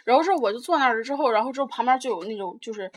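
A woman's voice: on the high side, expressive, racing. A woman chatting casually, rambling through a story with many fillers.

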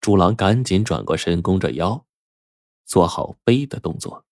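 A man narrating a serialized folk tale as a storyteller, with expressive, dramatic delivery. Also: low voice, a little slow, no echo, studio quality.

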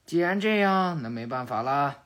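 A woman voicing a calm, laid-back grown man with a lowered, quiet voice. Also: normal speed. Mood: resigned.

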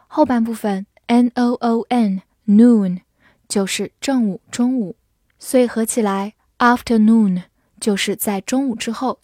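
Slow, careful woman teaching vocabulary. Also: a little high, a little mellow, no room sound, clean studio sound. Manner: spells words letter by letter and reads examples slowly. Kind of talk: scripted vocabulary lesson.

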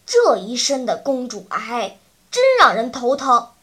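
A woman's voice: a little high, very animated, a little slow, sharp tone, slightly rough, voice pushed down, heavily acted. A woman voicing a chubby, blunt boy who mocks a spoiled girl. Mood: mocking. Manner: mocking, exasperated.

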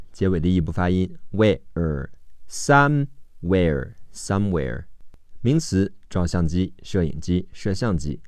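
Guy slowly drilling english words, deep mellow voice, spells out every sound. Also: no echo. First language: Chinese. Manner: slow, deliberate spelling-out of word sounds. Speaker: English teacher. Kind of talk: vocabulary phonics lesson.

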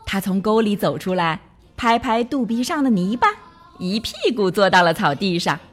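Expressive woman reading a children's story. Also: medium pitch, moderate pace.

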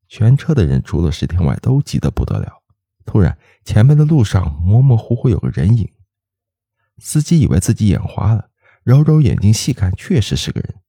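A man narrating a ghost story in an expressive, dramatic way. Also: lowish voice, moderate pace, gravelly, husky, no echo, studio quality.

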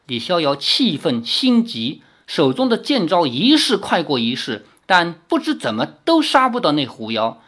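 A woman narrating a martial arts novel aloud in an expressive storytelling manner. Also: fairly low pitch, unhurried, hardly any pauses. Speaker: audiobook narrator.

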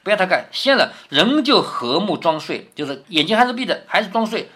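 Guy retelling an old novel for kids, chatty, keeps asking right?, pitch moves around a lot. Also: sing-song, normal speed, sharp tone, slightly rough. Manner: explains as he goes, tag questions to the listener. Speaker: storyteller retelling a classic novel. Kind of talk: casual storytelling for children.

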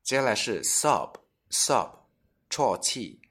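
A man teaching English expressions in a scripted bilingual lesson, reading each example sentence slowly and deliberately. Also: medium pitch, big pitch swings, fairly bright tone.

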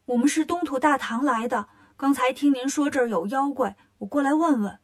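A woman voicing a boastful, cheeky monkey king disciple in a children's storybook tale, brisk and cocky. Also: sits high, close to an everyday voice.

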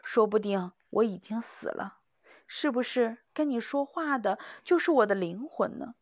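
A woman voicing a frightened, panicky young male hunter who pleads in high, breathless cries. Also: very animated, normal speed, no echo, studio quality. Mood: panicked.

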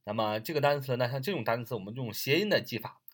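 Male vocab teacher with a husky voice and lots of pitch swing; spells words out slowly and repeats them. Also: lively intonation. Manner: explains in a chatty, friendly way. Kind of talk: recorded vocabulary lesson.

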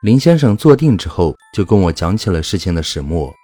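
A man with a low, mellow voice narrates a first-person horror tale. His delivery is calm and measured, but his pitch rises and falls expressively. The recording is dry and close, with faint music underneath. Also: breathy edge, dry recording. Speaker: storyteller.

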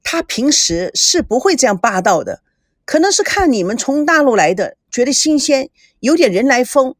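A woman's voice: high-pitched, big pitch swings, normal speed, no echo, clean studio sound. A woman voicing a patient, outspoken female crew member in a storybook reading, earnest and lecturing.

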